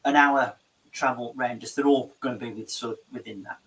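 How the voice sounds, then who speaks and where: A man's voice: mid-range voice, steady tone, brisk, a bit bright. A man in casual panel chat, easygoing and prompting others with questions. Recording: voice distant from the mic.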